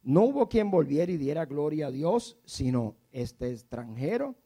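A man in his fifties preaching a sermon as a storyteller. He often drops to a soft, hushed voice and has the congregation repeat words after him. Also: fairly high pitch, sing-song, unhurried. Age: 50s.

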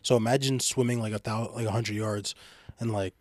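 A man's voice: fairly low pitch, steady tone, fairly quick, no room sound, clean studio sound. A young man bantering casually with a friend in frat-bro slang, saying bro constantly.

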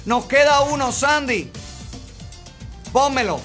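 A man's voice: extremely high pitch, animated, takes it slowly, a bit bright, faint music behind. A man hosting a live call-in game show, teasing and joking with callers. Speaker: host.

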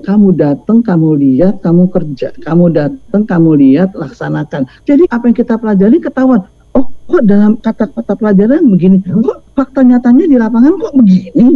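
A woman's voice: on the low side, no room sound. Slangy older woman storyteller. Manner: lively storyteller, slangy, acts out quoted voices. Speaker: guest. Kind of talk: casual interview talk. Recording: slightly muffled dry audio.

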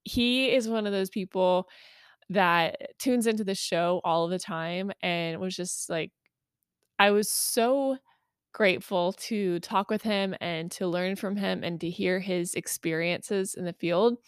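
A woman's voice: lowish voice, takes it slowly, clean tone, dry recording, clean studio sound. A woman hosting a weekly podcast, talking in a chatty, upbeat way with plenty of fillers. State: just over a cold. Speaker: podcast host. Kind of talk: casual podcast intro.

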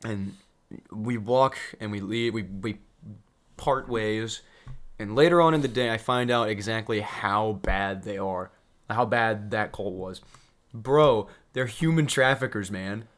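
This young podcast co-host has a voice on the low side, a bit bright, and an unhurried pace. He tells a story in casual conversation, performing the quotes and laughing frequently.

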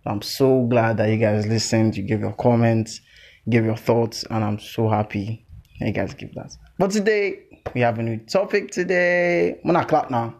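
A Nigerian-accented man hosting a podcast, chatting informally and playfully with animated teasing and Pidgin slang. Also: mid-range voice, normal speed. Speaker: podcast host.

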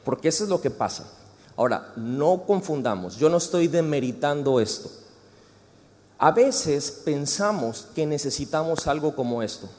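A man with a Mexican accent preaching to a congregation with a high, very lively voice that leaps up and down. He jokes and chats with the crowd as he goes. His words ring out with a long hall echo. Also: normal speed. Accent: Mexican Spanish. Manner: animated, joking and chatty with the audience. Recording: reverberant hall.

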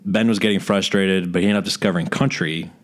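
A man with a very low, deep voice co-hosts a podcast in relaxed chat. He tells stories at an easy pace and often stops to hunt for the right word. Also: fast talker. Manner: easygoing, searching for words, storytelling. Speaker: podcast co-host. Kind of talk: casual chat.

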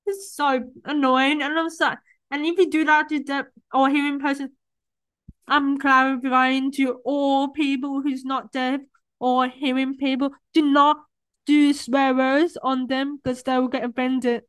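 A woman's voice: sits high, level tone, a little slow, a bit bright, poor audio. A young woman hosting a podcast in casual conversation, rambling with lots of "like" and restarts. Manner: rambling, heavy use of "like" and restarts. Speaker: podcast host.

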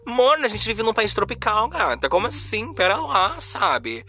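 Brazilian guy rambling on his podcast, bright voice, dramatic sighs and little whispers, slangy. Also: high-pitched, huge pitch swings, soft background music. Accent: Brazilian Portuguese. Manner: theatrical, slangy, drawn-out sighs and whispered asides. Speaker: podcast host. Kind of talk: casual solo podcast chat.

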